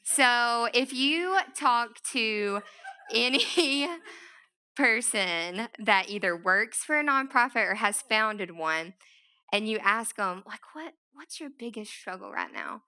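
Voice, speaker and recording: A woman speaks with an East Tennessee Appalachian Southern drawl in a forceful, bright voice. Her tone is clean and resonant. She talks to her audience informally and chattily, poking fun at herself along the way. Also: a little high, lively intonation, slow pace, clean tone. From East Tennessee, United States. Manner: chatty and self-deprecating, often saying "like". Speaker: nonprofit founder speaking to an audience. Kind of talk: informal, conversational public talk.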